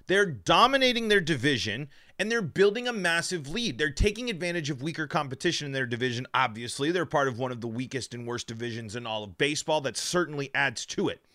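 A man delivers sports commentary as a podcast host, with a mouth still numb from the dentist. His voice sits a little high and has a bright, forceful edge. He speaks emphatically, tripping on and repeating words as he goes. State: mouth numb from dental work.

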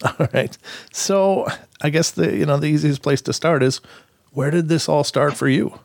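Higher-voiced gravelly podcast host guy. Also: moderate pace, no room sound. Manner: chatty, informal, encouraging. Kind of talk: casual podcast hosting.

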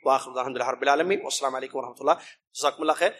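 A man's voice: medium pitch, a bit bright. A middle-aged man from India or Pakistan gives an emphatic sermon in a mosque, often asking rhetorical questions and calling his listeners brother. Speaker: preacher translating a Friday sermon.

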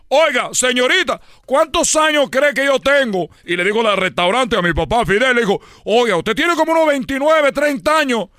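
A rambling, repetitive comic storyteller, a man putting on the role in a radio comedy sketch. The voice sits high and sounds smooth and clear, and he chuckles at his own jokes as he goes. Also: a bit bright, no room sound, studio quality. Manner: rambling, repeats himself, laughs at own jokes. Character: rambling man, son of a dictator.

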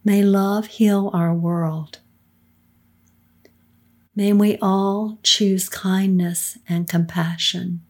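A middle-aged woman with a soft, soothing, breathy voice, leading a guided meditation in a calm, unhurried manner with hushed phrase endings. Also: medium pitch. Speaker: guided meditation leader, podcast co-host.

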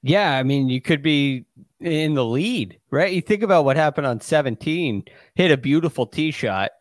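A man's voice: a little high, lively intonation, normal speed, dry recording, studio quality. A man co-hosting as a golf commentator, explaining shots in a casual, conversational way with hesitant phrasing. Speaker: golf podcast co-host and analyst.

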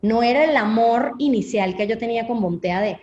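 A woman's voice: fairly high pitch, brisk, darkish tone. A young adult woman with a Venezuelan Spanish accent, a guest telling her own story candidly and acting out her past thoughts. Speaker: interview guest. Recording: echoey, slightly dull audio.

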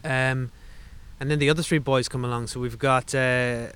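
A man's voice: medium pitch, steady tone, normal speed, fairly bright tone, clear, resonant tone. A man hosting a podcast, chatting casually through an episode recap and introducing clips, with lots of fillers. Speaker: podcast host.

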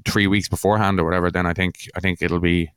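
A man with a low, smooth voice chats casually as a podcast co-host. He is understated and halting, circling back over his phrases. The recording is dry. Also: little pitch movement, a bit bright, dry recording. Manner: hesitant, repeats phrase openings, understated. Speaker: podcast co-host and MMA analyst. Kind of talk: casual chat.

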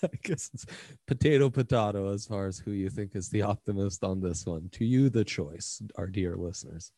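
A man's voice: on the low side, normal speed, warm tone, no room sound. A man co-hosting a sports betting show, giving casual commentary and running through the numbers.

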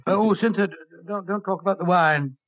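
An actor playing a kindly, blustering older British doctor who stammers when flustered, in a 1940s radio drama. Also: male voice, high-pitched, a little fast. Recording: dull, lo-fi old radio recording.

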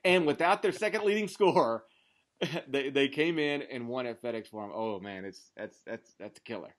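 A man in his 30s from the Memphis area hosts a sports podcast, speaking at a moderate pace in a mid-range voice. The chat is casual, and he rambles emphatically with a constant stream of "like".

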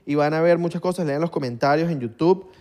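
A man's voice: a little high, a little fast, darkish tone. Slangy Venezuelan podcast co-host, a man. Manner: slangy, playful and joking. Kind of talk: casual chat. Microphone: studio microphone.

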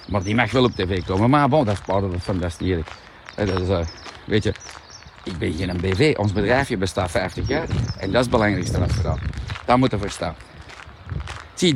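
A man with a Flemish accent, ranting animatedly and swearing as he pitches a diet product on a live vlog. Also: noisy background. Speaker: product seller.

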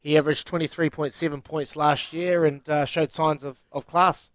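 A man's voice: on the high side, steady tone, normal speed, a bit bright, no echo, clean studio sound. A man from New Zealand hosting a casual sports interview and putting questions to a guest. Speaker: interviewer, sports show host.

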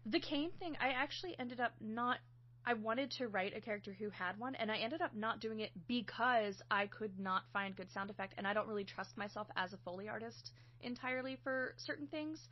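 A woman's voice: on the high side, fairly quick, dull audio. A woman who makes audio dramas, chatting casually about collaboration, laughing often and filling with "like". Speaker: audio drama sound designer and writer. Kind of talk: casual podcast chat.

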